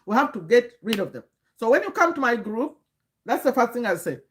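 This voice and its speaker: A woman's voice: a little high, big pitch swings, a little fast, slight background noise. A woman in her fifties gives an earnest, lecturing livestream talk to her chat, restarting sentences and breaking off to greet viewers. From Uganda. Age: 50s. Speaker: livestream host and community coach.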